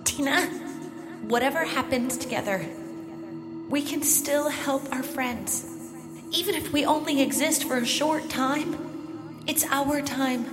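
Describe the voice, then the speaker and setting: A woman's voice: high-pitched, measured pace, long pauses. A woman playing a devoted, playful young woman, earnest and teasing. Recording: echoey with music.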